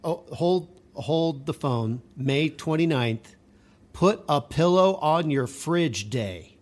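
A man's voice: fairly high pitch, expressive, slow. A man co-hosting a podcast in casual chat, reading odd items aloud with amused enthusiasm. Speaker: podcast co-host.

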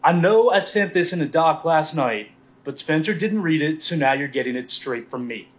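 A man's voice: on the high side, animated, moderate pace, natural voice. A man playing a bombastic, cocky coach who delivers a grandiose, sweary, comedic halftime pep speech to his team. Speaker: coach giving pregame speech.

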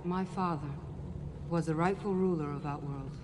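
An actress playing a solemn princess of a conquered realm in dramatic fantasy film dialogue. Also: female voice, low voice, moderate pace, close to an everyday voice. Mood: grave, mournful. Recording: film clip with loud background noise.

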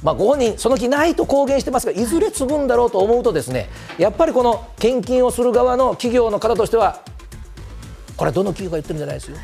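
A man's voice: very high voice, sing-song, racing, gravelly, darkish tone, soft background music. A man explaining politics on a TV talk segment, polite and formal, with many fillers. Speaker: political commentator.

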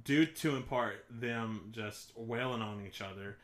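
A man's voice: mid-range voice, measured pace, a bit bright. Chill guy on a podcast walking through a match move by move. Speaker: podcast co-host. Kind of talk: play-by-play recap of a match.

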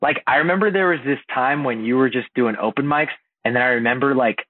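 A man from Indiana chatting casually as a podcast host, halting with many fillers and restarts. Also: medium pitch, no echo. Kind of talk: casual chat. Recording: dry, phone-like, husky sound.

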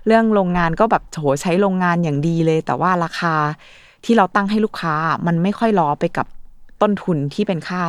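Fast-talking woman business owner. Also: lowish voice, no room sound. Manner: brisk, mimics others in quotes. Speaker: bag brand owner. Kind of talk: casual interview chat.

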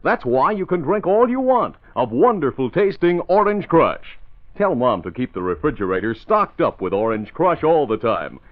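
A man delivering a chipper 1950s radio advertisement, folksy and emphatic, as if selling to youngsters. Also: mid-range voice. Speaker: radio announcer and pitchman. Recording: old radio broadcast, thin narrow band.

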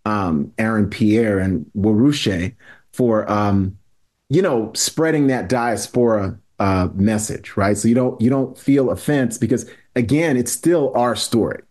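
A man's voice: on the low side, measured pace, a little mellow. A man from New York City, a guest historian on a podcast, explaining in an earnest, lecturing way with frequent restarts. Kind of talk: podcast conversation.

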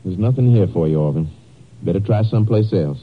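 A man's voice: sits low, animated, brisk, slight background noise. A man playing a stubborn, unruffled husband in an old radio drama. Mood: firm, unruffled. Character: stubborn, unruffled working husband standing his ground. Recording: muffled, humming vintage radio recording.

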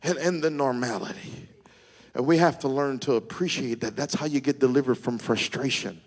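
Husky man preaching with rising fervor. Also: medium pitch, moderate pace. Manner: builds from quiet talk to shouted, sing-song preaching calls. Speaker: pastor. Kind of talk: sermon.

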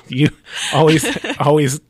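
A man's voice: fairly high pitch, fairly bright tone, slightly rough, dry recording, studio quality. A man hosting a podcast interview, asking questions hesitantly with many restarts. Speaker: podcast host. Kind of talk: casual interview.

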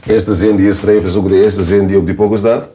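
A man's voice: on the low side, flat delivery, fairly quick, warm tone, a little hiss or hum. A man hosting a casual interview, mostly giving short affirmations and asking probing questions. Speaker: interviewer, host.

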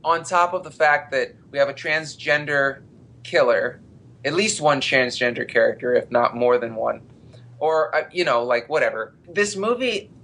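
A man's voice: mid-range voice, normal speed, a bit bright. A man co-hosting a casual movie review chat, wry and offhand, swearing casually. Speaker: podcast co-host.

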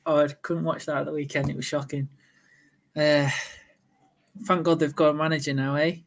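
A man co-hosting a fantasy football podcast, chatting in an excitable, casual way. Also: on the high side, normal speed, vocal fry. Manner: chatty, excitable, fan talk. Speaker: podcast co-host. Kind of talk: casual chat.

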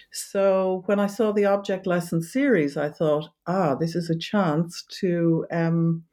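A woman from Ireland, an academic author, answering interview questions thoughtfully with many small fillers and pauses. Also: fairly low pitch, mellow. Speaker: author and design history academic.

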